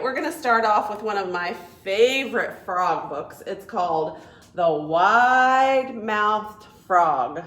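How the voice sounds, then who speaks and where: A children's librarian hosts a read-aloud storytime, animated and encouraging, using simple phrasing for small children. Her voice is medium-pitched and the room is echoey.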